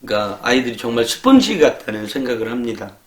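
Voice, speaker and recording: A man lecturer telling a casual story, acting out scolding students with quick laughs. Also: mid-range voice, reverberant. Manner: animated, acts out exasperated scolding of students with laughs. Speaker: education lecturer.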